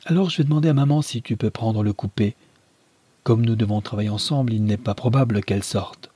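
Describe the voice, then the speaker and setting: A man reads an anxious young husband in a storybook, coaxing and questioning gently in a dark, husky voice. The recording is close and dry. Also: lowish voice, fairly quick, dry recording.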